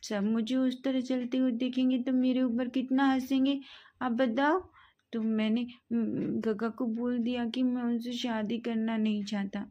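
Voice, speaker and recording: A woman voicing an innocent, timid young man who speaks softly and stammers. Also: a little high, flat delivery, unhurried, lo-fi sound, voice pushed up, close to an everyday voice. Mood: timid pleading. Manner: hesitant, stammering, soft.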